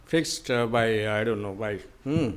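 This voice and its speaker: A man answering audience questions at a conference, speaking haltingly with many fillers and restarts. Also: on the low side, clear, resonant tone.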